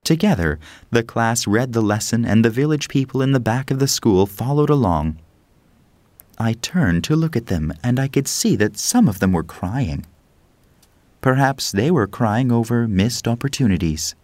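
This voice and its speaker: A man reading a story aloud as narrator, in a measured, plain storytelling manner. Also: mid-range voice, animated, a little mellow, dry recording. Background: music.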